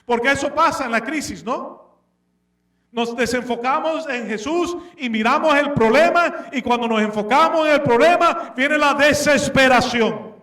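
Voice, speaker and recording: A man's voice: very high voice, a little slow, fairly bright tone. A man preaching a sermon with animation, asking the congregation questions and slipping English words into his speech. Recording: echoey room, distant mic.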